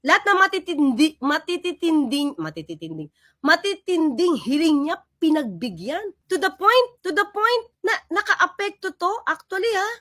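Animated high-voiced woman vlogger. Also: no room sound, studio quality. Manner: animated, sarcastic, replays and reacts to clips. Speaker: political commentary vlogger. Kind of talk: casual political commentary.

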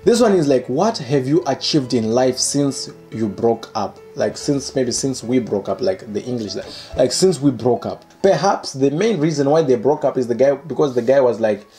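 A young man in his twenties hosting his own channel, reading comments aloud and joking about them in a playful, animated way, recorded indoors by a window. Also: mid-range voice, moderate pace, hardly any pauses, soft background music. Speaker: channel host. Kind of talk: casual comedic commentary. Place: indoor room by a curtained window.

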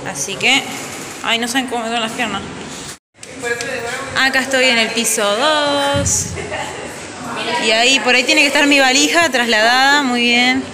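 Holding her phone camera, a young Argentine vlogger from Entre Ríos chats cheerfully in a crowded hostel lounge indoors. She sits high in pitch at a moderate pace with long pauses, and the chatter of people around her makes it noisy.

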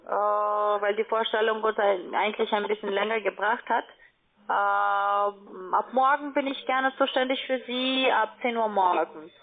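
Over a tinny, narrowband phone line, a female financial adviser makes a formal sales call in German, her second language, with non-native phrasing. Her voice is medium-pitched and steady, and she speaks a little slowly.

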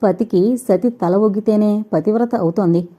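A woman voicing an earnest young man who calmly reasons and pleads his love, read as an audiobook character. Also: mid-range voice, moderate pace, natural voice. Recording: dull lo-fi recording.

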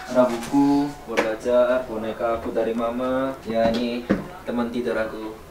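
A man's voice: mid-range voice, level tone, moderate pace, noisy background. A man chatting casually and jokingly as he shows his room. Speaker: contestant showing his room. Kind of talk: casual chat. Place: indoor hotel room. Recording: echoey room with instrument music behind.

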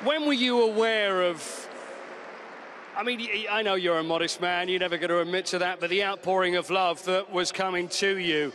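A middle-aged man with a high, bright, forceful voice asks his questions with effusive enthusiasm. He holds a handheld mic pitchside at a stadium. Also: steady tone, normal speed. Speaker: club TV interviewer. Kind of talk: pitchside interview.

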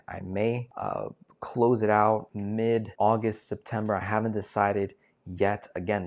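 A man in his twenties, a financial coach, giving an animated direct-to-camera sales pitch on a lapel mic, often tagging lines with "right?". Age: 20s. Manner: animated, gesturing, many filler "right?" tags. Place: indoor studio with plain backdrop.

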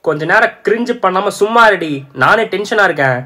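A young woman acting in a comedy skit, bossy and quick to scold. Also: medium pitch, lively intonation, bright, forceful tone.

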